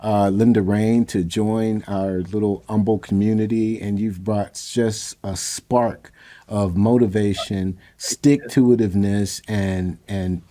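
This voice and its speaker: A man hosting a podcast interview, thanking his guest warmly and gently prompting him to go on. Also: fairly low pitch, steady tone, slow pace. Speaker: podcast host. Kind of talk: casual interview chat.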